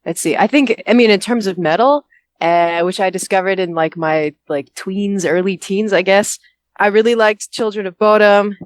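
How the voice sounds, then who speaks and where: A young American woman speaks as a musician being interviewed. Her pitch is middling for a woman, and her manner is chatty, informal and lightly self-deprecating, like someone talking casually on a call. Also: moderate pace, dry recording. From Houston, Texas, United States.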